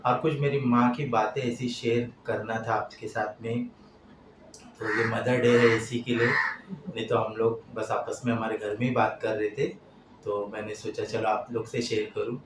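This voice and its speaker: Middle-aged man, halting heartfelt storyteller, far from mic in a noisy room. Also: medium pitch. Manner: halting, heartfelt, voice swells and drops. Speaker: vlogger. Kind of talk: emotional personal storytelling. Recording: echoey, distant, noisy room.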